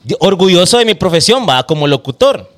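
A man with a notably high voice talks casually on a podcast. He works as a radio announcer and tells anecdotes, slipping into mimicked voices of the people in his stories. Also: sing-song, brisk. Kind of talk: casual chat.

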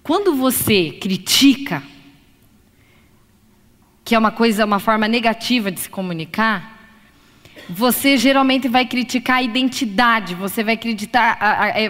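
A woman psychologist gives a live lecture, her voice on the high side at a moderate pace. She's animated and voices characters to act out examples, with a lecture hall's long reverb around her.

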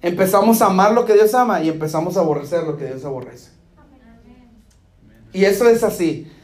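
High-voiced pastor preaching. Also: male voice, expressive, brisk, a little mellow. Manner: asks the congregation "¿Está conmigo?" again and again; acts out short dialogues with playful humor. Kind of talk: sermon. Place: church hall. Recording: echoey church hall.

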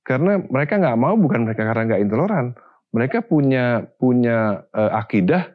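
A man argues his point in a casual panel discussion, filling pauses with hesitations before pressing on insistently. The recording sounds slightly dull and muffled. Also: mid-range voice. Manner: animated, pushy, hesitant with fillers.

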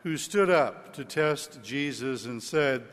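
A male priest reading the gospel and preaching in a slow, measured church style, with a cathedral echo. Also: mid-range voice, lively intonation, a bit bright. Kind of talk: liturgical gospel reading and homily. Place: large church. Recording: long church hall reverb.

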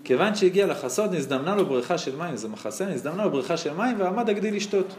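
Male rabbi, animated sermon storyteller, fairly high voice, echoey room. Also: slight background noise. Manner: animated storyteller, voice rising and dropping sharply. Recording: roomy echo.

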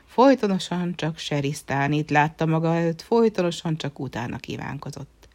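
A storyteller reading a fairy tale aloud, letting the ends of phrases sink to a hushed near-whisper. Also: medium pitch, expressive.

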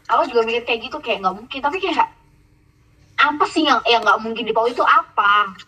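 A teenage girl chatting casually with a friend, slangy and animated with lots of fillers. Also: fairly high pitch, brisk, breathy edge, poor audio. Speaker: podcast co-host. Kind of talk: casual gossip chat.

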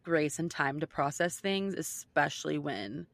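Speaking at a measured pace in a low, creaky voice, this woman co-host talks casually and states her views with emphasis, leaning heavily on "like." The recording has no room sound.

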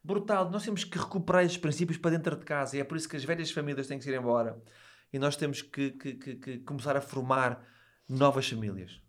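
A man with a European Portuguese accent talks very quickly in a medium-pitched voice. He is an interview guest chatting casually, insistent and emphatic, restating his points as he goes. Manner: emphatic, insistent, repeats himself. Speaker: interview guest, book author. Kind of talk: casual chat.

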